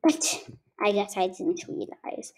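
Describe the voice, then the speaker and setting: A woman's voice: mid-range voice, steady tone, a little slow, mellow, a little hiss or hum, low-quality recording. A woman chatting casually while playing a game, rambling with many fillers and teasing her viewers. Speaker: gaming YouTuber. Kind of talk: casual gameplay commentary.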